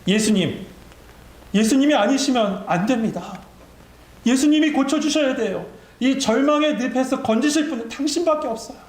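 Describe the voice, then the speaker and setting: A man's voice: very high voice, moderate pace, a little mellow, reverberant, pitched above the performer's own voice, low-quality recording. A male pastor voicing a desperate blind beggar who cries out for mercy, his voice raised and pleading. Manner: pleading, crying out.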